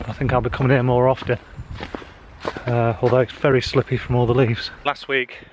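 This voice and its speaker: Walking up a wooded hill path with a handheld camera, this man, a social media marketing vlogger, talks casually, slightly winded and full of fillers. He speaks fairly quickly at a medium pitch in a level tone, over faint outdoor noise.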